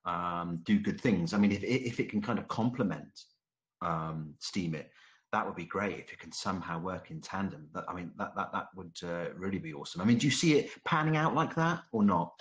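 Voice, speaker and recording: A low-voiced man hosts a live voice chat. He questions his guest hesitantly, with plenty of ums and repeated words. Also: brisk, fairly bright tone.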